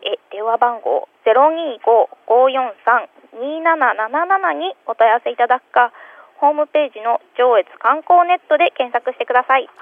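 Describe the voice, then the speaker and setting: A woman with a high, cute anime-girl voice, giving a polite event report as a correspondent over a telephone line on the radio. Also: expressive, normal speed, no echo. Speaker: phone-in correspondent from a city tourism office. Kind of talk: prepared event report in a radio phone interview.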